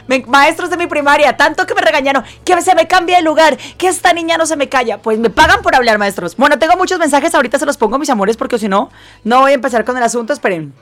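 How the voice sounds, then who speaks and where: A woman's voice: sits high, fast talker. A woman radio host chatting intensely and nonstop with her listeners and callers. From not from Mexico. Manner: talkative, intense, excitable. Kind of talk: lively radio chat with callers. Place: radio studio.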